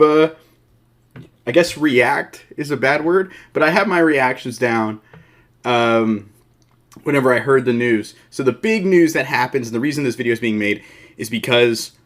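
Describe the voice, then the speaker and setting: A man hosting his own MMA show, talking off the cuff in a rambling, self-deprecating way with joking asides. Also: medium pitch. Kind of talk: unscripted casual commentary.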